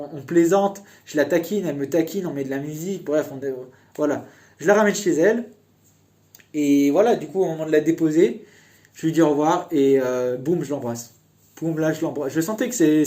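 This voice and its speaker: A man's voice: fairly high pitch, mellow. A young man casually telling a personal story in a chatty, meandering way.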